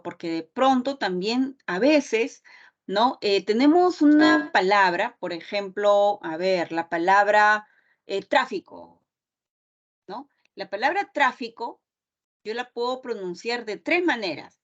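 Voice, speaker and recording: A woman teacher giving an online class, explaining step by step and often checking in with the students. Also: mid-range voice. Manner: explanatory, with frequent checking tags like ¿ya? and ¿no?. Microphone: computer mic on a video call. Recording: dull lo-fi online call audio.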